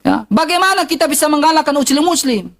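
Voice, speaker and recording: A woman's voice: sits high, lively intonation, quick pace. A woman with an eastern Indonesian accent, ranting heatedly and bluntly to her livestream viewers, repeating herself for emphasis.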